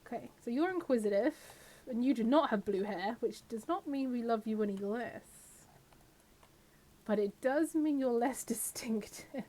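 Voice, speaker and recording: A woman with a cold live-streams a game, chatting casually to viewers and the characters in it. Her slightly scratchy voice is fairly high, mellow and at a moderate pace.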